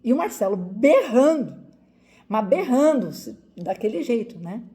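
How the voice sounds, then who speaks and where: A woman's voice: fairly high pitch, sing-song, a little slow, mellow. A woman from Brazil in her forties, a doctor, telling viewers a personal story in an emotional, vivid way with lots of repetition.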